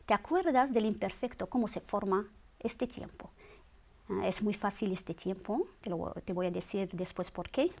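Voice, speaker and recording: A woman's voice: medium pitch, normal speed, gravelly, darkish tone. A woman teaching a grammar lesson, drilling verb forms one by one with patient quiz questions. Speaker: Spanish teacher.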